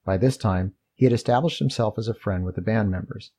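Mellow, low-voiced man reading a memoir. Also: brisk, husky. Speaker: memoir narrator. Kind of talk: first-person memoir reading.

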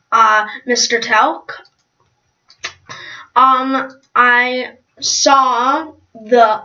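An eager young college contestant who rambles and stumbles over fillers, played by a woman. The voice is high and bright, with a very slow pace, recorded lo-fi and dull.

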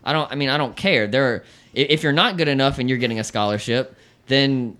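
A man co-hosting a casual talk show, explaining at length with many restarts and pauses. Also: medium pitch, fairly bright tone. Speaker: podcast co-host. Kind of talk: casual chat.

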